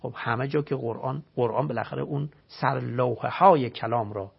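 A man's voice: medium pitch, gravelly, husky, muffled recording. A man, a religious scholar, giving an emphatic explanatory talk full of rhetorical questions and recited scripture, heard on a radio broadcast.

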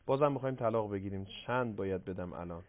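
Low-pitched man as live TV host, halting delivery, thin phone-like audio. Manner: measured, hesitant with frequent fillers. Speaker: program host reading viewer questions. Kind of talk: live broadcast hosting. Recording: tinny phone-like broadcast audio.

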